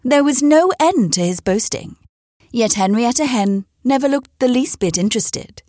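A woman hosting a story podcast, narrating old tales in an expressive storytelling manner. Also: on the high side, normal speed, dry recording, clean studio sound.

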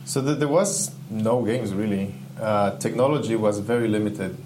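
A man's voice: lowish voice, moderate pace, rough recording. A man from Ecuador, talking as an interview guest, enthusiastic and reflective as he searches for words. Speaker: guest, game UI/UX artist. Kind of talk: casual interview chat. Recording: steady background hum.

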